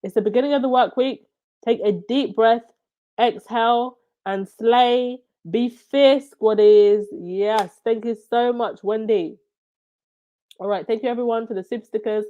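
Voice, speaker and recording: A woman's voice: a little high, dark tone, highs cut off. A woman from Zambia with a stuffy, runny nose, hosting a casual livestream chat and reacting to viewer comments. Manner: chatty, reacts with quick laughs and "wow".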